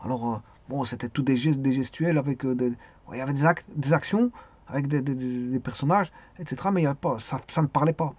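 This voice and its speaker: A man giving a spoken lesson on speaking skills, hesitant, with many pauses and repeated words. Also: mid-range voice, a little mellow, husky. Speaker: teacher. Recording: dull lo-fi sound.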